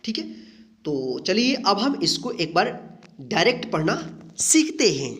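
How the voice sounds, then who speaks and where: A man teaching English phonics in Hindi. He spells words out letter by letter, then explains the rules quickly. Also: high voice, sing-song, fairly bright tone, husky.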